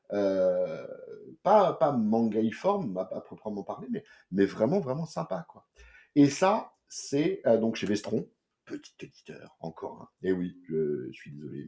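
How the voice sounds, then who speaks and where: A man giving a casual spoken comic book review from home, lively and slangy, with many restarts and fillers. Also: fairly low pitch.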